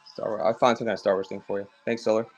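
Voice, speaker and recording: A man's voice: on the low side, little pitch movement, very fast, music in the background. A man running a live collectibles auction stream, chatting casually and upbeat with viewers as he sells items.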